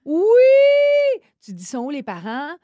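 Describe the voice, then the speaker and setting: A lively woman with a Quebec French accent chats on the radio, quick to laugh and full of stories. Her voice sits at a middling pitch. The sound is dry and close, with no room echo. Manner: lively, chatty, laughs often. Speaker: radio co-host. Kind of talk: casual radio chat.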